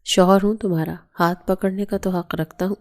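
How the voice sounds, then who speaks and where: A woman voicing a young husband who speaks firmly and gently in a storybook reading, close to her own mellow voice. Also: medium pitch, fairly even intonation, close to an everyday voice. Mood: gentle. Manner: firm, then gentle. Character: young man, stern husband who softens.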